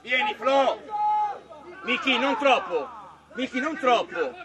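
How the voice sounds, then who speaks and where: Man yelling clipped calls at players. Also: extremely high pitch, animated, takes it slowly. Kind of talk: shouting instructions from the sideline. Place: outdoor football pitch. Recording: outdoor field audio with crowd noise.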